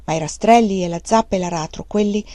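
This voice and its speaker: Woman reading a calm, flat-voiced peasant wife. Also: medium pitch, fast talker, dry recording, natural voice.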